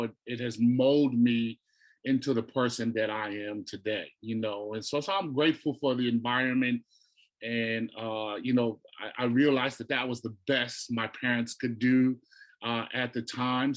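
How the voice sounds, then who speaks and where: A middle-aged man from Tonga, a guest telling his life story in a relaxed, reflective way, full of "you know" and restarts. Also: medium pitch, poor audio. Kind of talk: casual storytelling interview.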